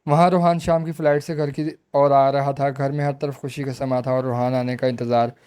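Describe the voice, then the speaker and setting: A man reading a romance novel aloud as narrator, with steady storytelling. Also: mid-range voice, fairly quick, clear, resonant tone.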